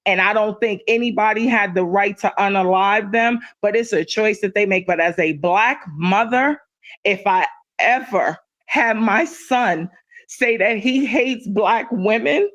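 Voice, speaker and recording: A woman's voice: medium pitch, unhurried, a bit bright, no room sound. A middle-aged woman talking in a casual livestream chat, impassioned and emphatic, often repeating herself for stress.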